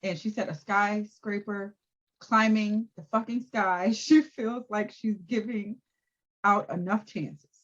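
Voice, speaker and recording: A woman co-hosting a casual recap chat, animated and laughing often as she acts out quotes. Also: medium pitch, slow pace, highs cut off. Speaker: podcast co-host.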